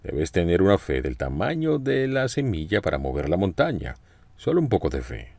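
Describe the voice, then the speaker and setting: A man with a low, deep voice preaches a sermon, his pitch rising and falling widely as he tells the story. He speaks with expression and turns often to ask his listeners direct questions. The recording is dry, with no room sound. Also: sing-song, normal speed, vocal fry, darkish tone, no echo.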